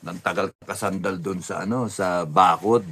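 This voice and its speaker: Animated man telling a casual story. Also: low voice, normal speed, creaky, a little hiss or hum. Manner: animated, acts out quoted voices, laughs often. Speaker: storyteller recounting a rally. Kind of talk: casual spoken anecdote.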